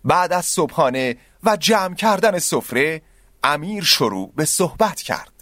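A man narrating a scripted story with expressive delivery. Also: on the high side, no room sound.

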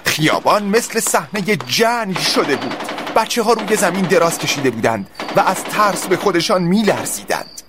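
A man narrating a scripted story in a dramatic, expressive way. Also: high-pitched, hardly any pauses, background noise.

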